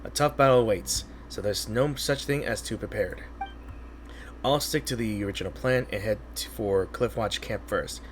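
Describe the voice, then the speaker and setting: A man's voice: lowish voice, moderate pace, slight background noise, voice pushed down, close to an everyday voice. Man reading as earnest, steadfast squad captain. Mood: resolute.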